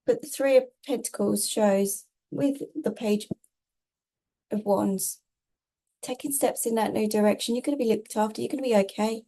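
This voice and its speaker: A woman's voice: fairly high pitch, normal speed, warm tone. A woman tarot reader giving casual spiritual guidance, reassuring and emphatic, often repeating herself in short phrases.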